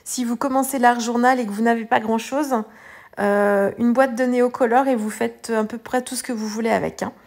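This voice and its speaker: A woman's voice: on the high side, steady tone, fairly quick, gravelly, a little mellow. A woman hosting an art journaling video, talking through her page in a casual, rambling way with many hesitations and restarts. She sounds tired. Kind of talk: casual tutorial voice-over.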